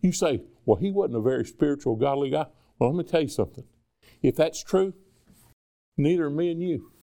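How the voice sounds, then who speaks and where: A preacher gives a loose, conversational sermon and throws rhetorical questions at his listeners. His slightly high, gravelly voice is warm and fairly quick, with lively intonation.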